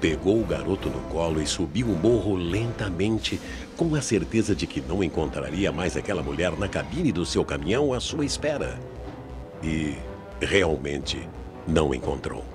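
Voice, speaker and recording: Over background music, a Brazilian male narrator with a remarkably deep voice tells a radio mystery in the style of 1990s AM drama. The reading is scripted, highly expressive, and paced deliberately for suspense.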